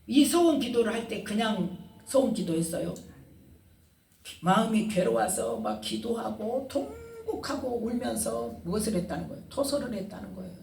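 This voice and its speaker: A woman's voice: medium pitch, creaky, dark tone, reverberant, recorded from a distance. A woman pastor preaching a sermon, asking the congregation questions and retelling scenes with feeling. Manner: call-and-response questioning, dramatic retelling.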